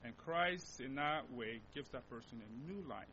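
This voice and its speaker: Here a young native Lingala speaker from Congo, with a Congolese accent, serves as a missionary guest preacher in a church sanctuary. His scripture reading is earnest and halting, often repeated and corrected, delivered with lively intonation in a bright, forceful tone. The recording is dull and lo-fi with a faint rumble.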